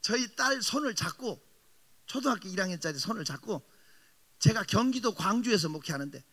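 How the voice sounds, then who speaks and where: A man's voice: high voice, bright, forceful tone. A middle-aged male pastor preaching a revival sermon in a church sanctuary, telling a story with animation and teasing the congregation. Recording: long reverb of a large hall.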